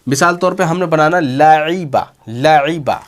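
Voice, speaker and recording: A man teaches reading at a board in a patient, repetitive way. He often checks in with a quick "okay" and slows right down to stretch out each syllable as he spells. His voice sits a little high for a man. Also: lively intonation. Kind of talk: board lesson.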